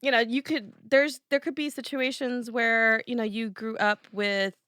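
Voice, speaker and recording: A woman's voice: on the high side, steady tone, measured pace, a bit bright, clear, resonant tone, no echo, studio quality. A woman from New Jersey with an East Coast American accent, co-hosting a casual podcast chat and often restarting her sentences. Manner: chatty, restarts often, laughs easily. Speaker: podcast co-host.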